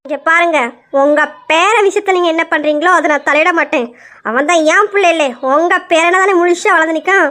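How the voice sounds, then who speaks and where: A woman's voice: very high-pitched, brisk, bright, forceful tone. A woman voicing a defiant middle-aged mother who fiercely stands up for her son against the family. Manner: fierce, confrontational.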